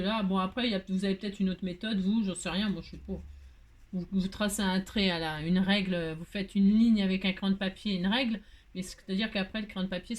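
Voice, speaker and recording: A woman's voice: medium pitch, darkish tone. A middle-aged woman hosting a crafting tutorial, rambling and joking at herself as she works. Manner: rambling, self-mocking, hums and sings snatches of tunes while working.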